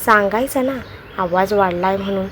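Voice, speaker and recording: A woman's voice: mid-range voice, normal speed, slight background noise, natural voice. A woman voicing a playful young bride who is shy and chatty. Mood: playful bashful. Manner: talks excitedly, bashful.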